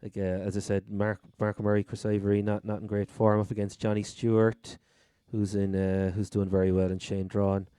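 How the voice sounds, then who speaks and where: A man's voice: on the low side, flat delivery, brisk, hardly any pauses, warm tone, smooth, no room sound, clean studio sound. A man with a Cork Irish accent hosting a casual chat about sport. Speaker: fantasy football podcast host.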